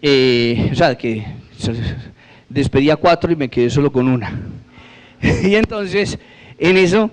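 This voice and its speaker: A man's voice: a little high, animated, measured pace, long pauses. A man giving a religious testimony to an audience, telling his story with humor and acting out the dialogue.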